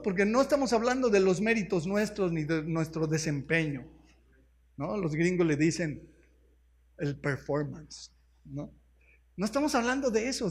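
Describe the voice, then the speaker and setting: A Mexican pastor with a notably high voice delivers a sermon. He keeps turning to the congregation with questions and walks through word meanings one by one. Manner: explains words step by step.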